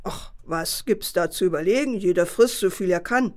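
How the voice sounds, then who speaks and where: A woman voicing a greedy, dim-witted male wolf in a children's story, talking in a gruff, blustering way. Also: fairly low pitch, normal speed, darkish tone, natural voice. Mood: greedy, grumbling.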